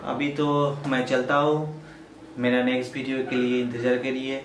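A man's voice: medium pitch, flat delivery, normal speed, background noise. A young man in his twenties, a shop owner, casually showing viewers around his small cyber cafe and listing its services one by one. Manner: plain, listing items one by one. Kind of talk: casual shop tour vlog. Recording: echoey small room with faint ambience.

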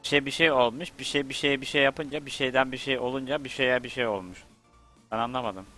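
A man commentating his own gameplay in a joking, rambling way, chatting to himself. His voice is bright and forceful, with faint music underneath. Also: medium pitch, steady tone, quick pace. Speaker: gamer. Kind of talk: let's play commentary.

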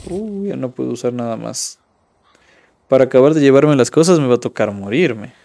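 A man's voice: medium pitch, animated, normal speed, vocal fry, warm tone. A young man from Ecuador giving casual live commentary while playing a mobile game and chatting with viewers. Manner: casual, chatty, reads viewer chat aloud. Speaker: streamer.

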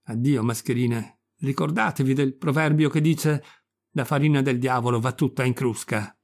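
A man's voice: mid-range voice, normal speed, natural voice. A man reading the part of a young wooden puppet boy in an audiobook, with an earnest, pleading tone. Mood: scornful.

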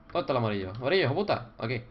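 Foul-mouthed young gamer, lively pitch. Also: male voice, very fast. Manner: swears a lot, yells and screams in frustration; mutters quietly to himself while solving puzzles. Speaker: gaming YouTuber. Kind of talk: Minecraft let's play commentary. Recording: dull lo-fi mic with faint noise.

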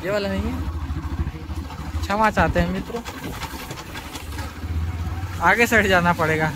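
A tired travel vlogger from Chhattisgarh chats with viewers, calling them "guys," as he rides a bike along rural roads and hikes a forest trail, filmed on a body-worn camera. His voice is high-pitched and slow, with background noise.

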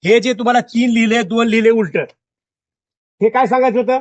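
A man's voice: very high-pitched, steady tone, brisk, no room sound. Man teaching a class, drilling questions. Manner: repeats questions to pupils, drilling. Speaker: school teacher. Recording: dull lo-fi, dry sound.

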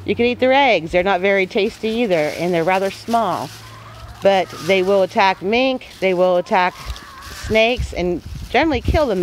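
Woman, homesteader, casual voice-over, folksy, plain-spoken, mid pitch. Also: slight background noise, poor audio. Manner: plain-spoken and folksy, with homey farm phrasing.

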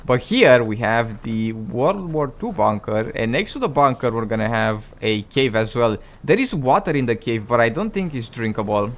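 Animated and medium-pitched, a gaming host talks at a normal speed with few pauses while playing a survival game. Though his voice is tired, cracking, and turning hoarse, he chats casually with viewers and pokes fun at his own mistakes.

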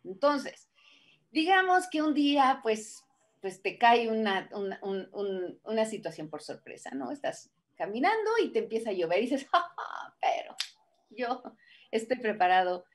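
A woman with a fairly high voice gives a motivational talk at a conference. She speaks in an animated way, throws out rhetorical questions, and acts out the excuses people make. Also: normal speed. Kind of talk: motivational lecture.

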